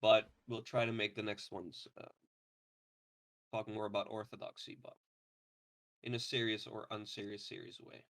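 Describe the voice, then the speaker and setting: A man's voice: fairly low pitch, moderate pace, vocal fry, long pauses. Hesitant young man hosting a podcast. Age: 20s. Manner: relaxed, hesitant with many ums. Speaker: podcast host. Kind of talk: casual chat.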